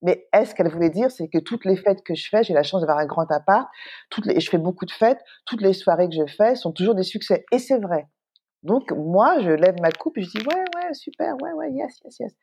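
A middle-aged woman, a guest entrepreneur, telling an anecdote in a lively, animated way with plenty of fillers. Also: fairly low pitch, brisk, slightly rough. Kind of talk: casual storytelling in an interview.

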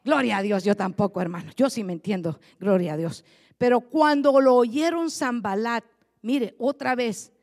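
A woman pastor preaching a lively sermon, switching from quiet asides to loud, rising exhortation. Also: on the high side, long reverb tail. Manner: animated, swings from soft asides to loud preaching.

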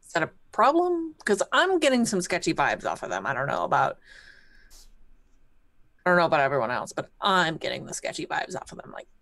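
A woman's voice: sits low, very animated, a little fast, creaky, long pauses, a bit bright, no room sound. A woman player bantering casually in a tabletop game, blunt, slangy and argumentative.

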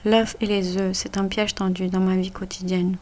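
Reading her own personal essay, a Punjabi-speaking woman from Pakistan moves through it phrase by deliberate phrase in a Pakistani accent. Her delivery is flat, with a medium pitch and a darkish tone.

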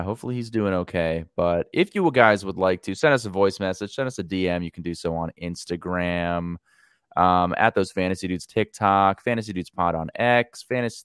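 A man's voice: low-pitched, clear, resonant tone, no room sound, clean studio sound. A man hosting a casual podcast, joking and steering the segments. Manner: joking, playful, runs the show segments. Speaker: podcast host.

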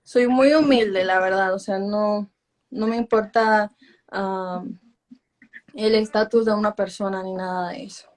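A woman's voice: mid-range voice, steady tone, a little slow. Young woman chatting in casual Spanglish. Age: 20s. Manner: Spanglish, drops English filler words into Spanish. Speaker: urban music singer being interviewed. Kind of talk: casual interview chat.

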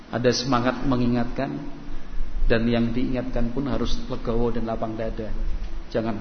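A man preaching a sermon with a light tinge, animated and acting out family scenes. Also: mid-range voice, slight background noise. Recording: echoey hall, dull lo-fi sound.

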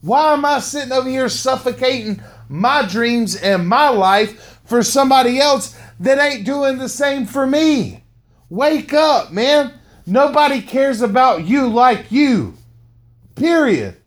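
High-voiced, slow-preaching man. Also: expressive. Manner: preachy, repeats lines for emphasis; slangy, says "man" often. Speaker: podcast host and motivational speaker. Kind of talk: motivational monologue.

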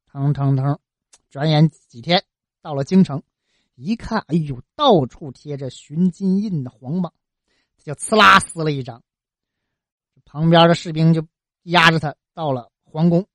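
A woman telling a folk tale in a colloquial, lively way, full of interjections and sound effects. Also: low voice, measured pace, long pauses, no room sound. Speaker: storyteller.

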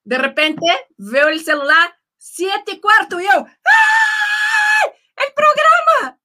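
A woman host with a Mexican accent chatting casually with a guest, bubbly and quick to laugh. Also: very high voice, lively intonation, bright, forceful tone, shouting. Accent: Mexican Spanish. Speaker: show host. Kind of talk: casual interview chat.

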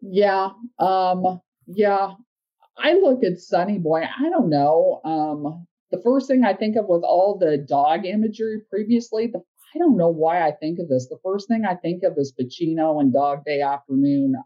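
A woman's voice: on the low side, lively intonation, normal speed, dull audio. A woman co-host on a podcast, thinking aloud and picking apart a text with many fillers. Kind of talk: casual podcast discussion.

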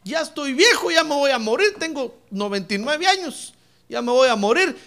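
A man's voice: very high-pitched, lively intonation, normal speed, pushed and bright, voice pushed up, full character voice. A man acting out a ninety-nine-year-old man who pleads in exasperation during sermon storytelling. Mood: exasperated.

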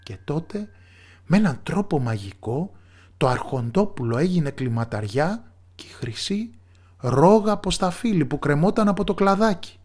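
A man narrating a fairy tale in a measured storyteller's manner, dropping low and soft in the quiet moments. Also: lively intonation.

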